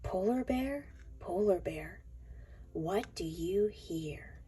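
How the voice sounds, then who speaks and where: A woman reading a picture book to young children in an expressive, sing-song way, often dropping toward a whisper. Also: mid-range voice, slow pace, a little hiss or hum.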